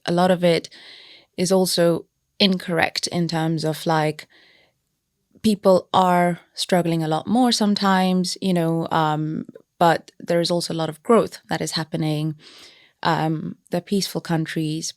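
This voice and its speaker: A young Kenyan woman, a business founder appearing as a podcast guest, answers thoughtfully and casually in a low voice, with many fillers and restarts. The casual interview chat has clean studio sound with no room echo.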